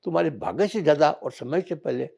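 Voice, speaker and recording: A man telling a folk parable in casual, animated storytelling talk. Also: on the high side, quick pace, vocal fry, breathy edge. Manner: animated folk-tale narration. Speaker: vlogger.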